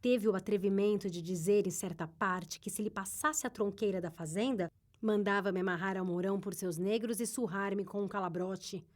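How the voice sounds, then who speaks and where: A woman's voice: medium pitch, normal speed, lightly acted. A woman reading a blustering rider. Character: brash, defensive male rider on a scheming errand.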